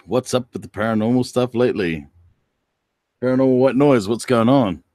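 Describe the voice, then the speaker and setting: A man's voice: mid-range voice, normal speed, darkish tone, no echo, clean studio sound. A man with a New Zealand accent hosting a casual livestream, teasing and chatting with viewers by name. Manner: laid-back, teasing, chats to viewers by name. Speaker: livestream host.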